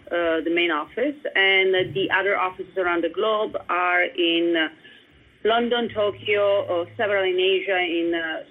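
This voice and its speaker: An Italian woman with an Italian accent and a medium-pitched, breathy-edged voice answers interview questions as a guest investor. She explains her firm in a businesslike way over a tinny, phone-like line.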